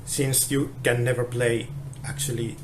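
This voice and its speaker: Man on a low-quality phone recording, flat and halting delivery, steady background noise. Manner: halting, with frequent restarts. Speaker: guitar tester. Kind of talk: explaining a measurement test.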